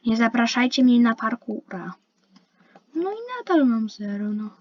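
A woman's voice: fairly high pitch, expressive, unhurried, no echo. A young woman giving casual, chatty commentary while playing an online game, complaining and talking to herself and the other players. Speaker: gaming youtuber. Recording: dull lo-fi mic with faint hiss.

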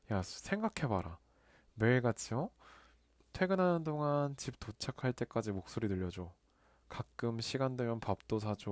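A young man in a soft whispered role-play, playing a male friend who teases and comforts her on a late-night phone call. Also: lowish voice, dry recording, lightly acted. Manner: playful teasing banter, soft and close. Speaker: ASMR creator.

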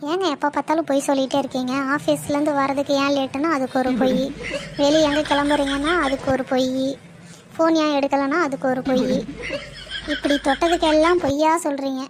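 A woman plays her part in short comedy skits, bantering and trading jokes. Her voice is notably high. A clear layer of noise runs under the recording. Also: fairly even intonation, fast talker. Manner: playful, bantering. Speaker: comedy sketch performer. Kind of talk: comic skits. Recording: noisy recording.

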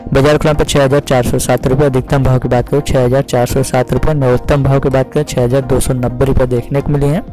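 A man's voice: medium pitch, flat delivery, dark tone, faint music behind, low-quality recording. A man from India hosting a farm market report, rattling off commodity prices in a repetitive scripted way. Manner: rapid, repetitive listing of prices. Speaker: host reading market prices.

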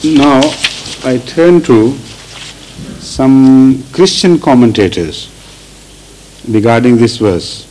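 Middle-aged guy teaching scripture commentary, slow and careful, keeps restarting his phrases. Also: medium pitch, expressive, warm tone, poor audio. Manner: deliberate, with frequent restarts and repeated words. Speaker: religious teacher. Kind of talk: Quranic commentary lecture.

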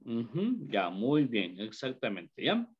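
Hombre profesor de inglés, habla lento. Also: male voice, medium pitch, wildly swooping pitch, breathy edge. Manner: slow, repeats questions to students, mixes English into Spanish. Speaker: English teacher. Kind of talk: online class lesson. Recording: dull lo-fi call audio.

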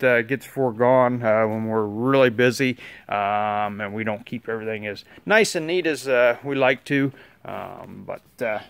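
A man's voice: mid-range voice, clean tone. A man giving a casual, rambling update while walking through his motorcycle shop, filming on a phone. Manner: relaxed, rambling, many "uh" fillers. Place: large indoor motorcycle shop and showroom. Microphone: phone camera held while walking.

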